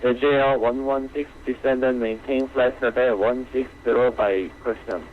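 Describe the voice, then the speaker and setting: An air traffic controller on an online flight simulation network gives clipped, procedural instructions over the radio. His medium-pitched voice stays fairly even in intonation at a normal speed. The radio transmission is muffled and lo-fi with faint noise.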